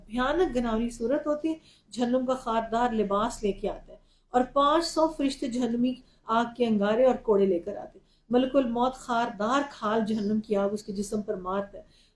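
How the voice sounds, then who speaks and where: A woman's voice: a little high, roomy sound, low-quality recording. A woman with a Pakistani Urdu accent giving a Quran lesson as a religious lecture, telling it vividly with a personal story. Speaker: Quran teacher.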